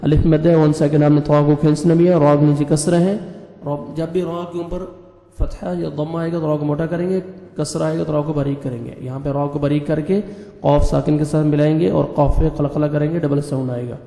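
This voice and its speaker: A man teaching Quran reading. He spells out letters and vowel marks one by one, then recites each word slowly in a drawn-out chant. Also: fairly high pitch, level tone, gravelly, warm tone. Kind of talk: slow spelled-out recitation lesson. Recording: echoey room with long reverb.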